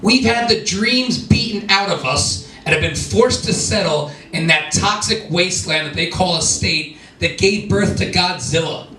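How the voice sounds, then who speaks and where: A man's voice: high voice, moderate pace, few pauses, sharp tone, slight background noise. A man in his twenties from New Jersey doing a stand-up set in a small lounge, with a dry, self-deprecating delivery and hesitant restarts. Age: 20s. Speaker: stand-up comic. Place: small lounge comedy club. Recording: echoey club, taped from far off.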